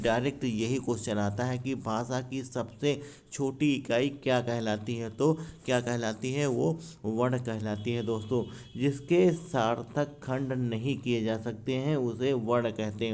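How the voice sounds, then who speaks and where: A man's voice: medium pitch, a little mellow. Man teaching exam-prep grammar, self-quizzing. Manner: addresses viewers as friends, asks and answers his own questions. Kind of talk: explaining Hindi grammar from handwritten notes.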